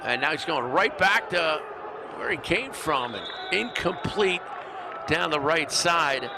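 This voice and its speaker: A man doing brisk, upbeat play-by-play commentary of a live football game from a stadium booth. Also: on the high side, expressive, crowd noise. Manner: brisk, upbeat calling of plays. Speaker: play-by-play announcer. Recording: broadcast mix with clear stadium noise.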